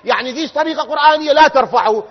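Iraqi preacher, quick and rising to shouts; lo-fi recording in a reverberant hall. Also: male voice, very high voice. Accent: Iraqi Arabic. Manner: swings from quiet explanation to loud emphatic questions. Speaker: cleric. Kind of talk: religious lecture.

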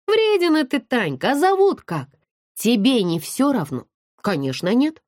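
A brash, gossipy young student girl, as a woman reads her out in an audiobook, blunt and teasing with coarse slang. Her pitch leaps up and down constantly. The recording is dry and close, with no room sound. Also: sing-song, unhurried, darkish tone, no echo. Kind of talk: audiobook character voice.

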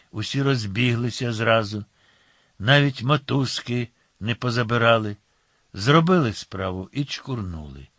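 A man's voice: lowish voice, a bit bright, no room sound. A man reading the lines of an eager, chatty character in an audiobook.

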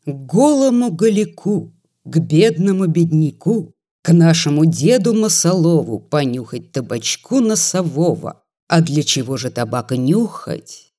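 A reader voicing a calm, teasing old peasant grandfather with slow, folksy rustic speech, in an audiobook reading. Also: mid-range voice, natural voice.

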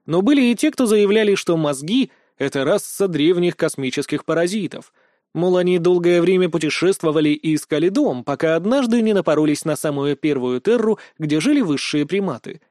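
A man's voice: fairly high pitch, animated, fairly quick, darkish tone, no room sound. A man giving first-person audiobook narration in a dry, sardonic manner.

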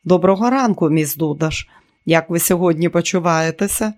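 A man's voice: fairly high pitch, moderate pace, lightly acted. A man voicing a tall, respectable male company official in an audiobook, speaking politely and formally.

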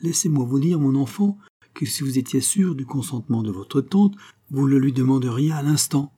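A man voicing a gentle, patient mother with a soft, broken voice, read in an audiobook. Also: mid-range voice, moderate pace, husky, voice pushed up, natural voice. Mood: gently firm. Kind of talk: audiobook character reading.

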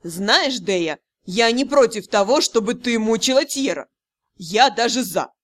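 A woman's voice: fairly high pitch, animated, measured pace, no room sound. Woman playing a coldly menacing female curator. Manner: cold, threatening. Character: stern jealous female academy curator.

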